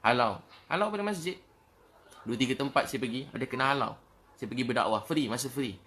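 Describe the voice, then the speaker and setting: A man's voice: mid-range voice, animated, fairly quick, fairly bright tone, slight background noise. A man with a Malaysian accent giving an earnest, emotional sermon talk as a preacher, repeating his phrases over and over.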